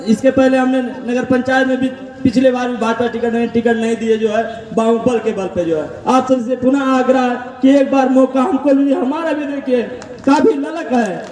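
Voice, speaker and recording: Very high-pitched pleading male campaigner. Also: a little mellow. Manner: earnest, repetitive pleading. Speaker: local election candidate. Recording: echoey PA, heard from far off.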